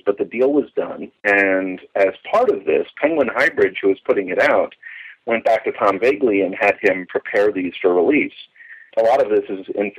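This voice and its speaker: A middle-aged man with a husky, lowish voice reminisces as a longtime fan during a conversational interview. His account is enthusiastic, detailed, and full of digressions, and it's captured on dull, lo-fi phone or call audio.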